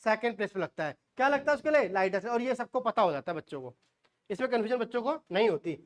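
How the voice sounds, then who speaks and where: A man's voice: high voice, animated, fast talker. A man in his forties teaching shorthand, quizzing the class and answering his own questions, with folksy asides. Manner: homely asides and jokes. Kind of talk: classroom lecture.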